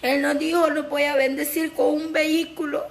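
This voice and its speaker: Pastor's wife, woman; very high, creaky voice, flat delivery, tearful and fervent church testimony. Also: moderate pace. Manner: fervent, tearful, addresses the congregation.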